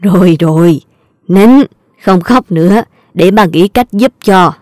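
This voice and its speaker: A woman's voice: on the low side, measured pace, a little mellow, no echo, clean studio sound, lightly acted. A woman with a Southern Vietnamese accent voicing a doting older mother-in-law who coaxes and fusses. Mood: soothing. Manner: doting, coaxing.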